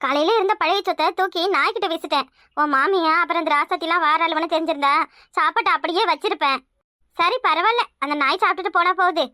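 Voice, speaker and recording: A woman voicing a bossy, scheming village mother in a cartoon, with a Kanyakumari Tamil accent, scolding loudly and doting in turns. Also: very high-pitched, fast talker, no room sound, clean studio sound. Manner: loud, scolding yet doting.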